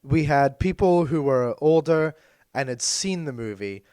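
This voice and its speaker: Sick and hoarse, nearly losing his voice, this man co-hosts a casual chat podcast in a meandering, hesitant, self-correcting way. His voice sits on the high side, animated and darkish in tone, at a measured pace with no room sound.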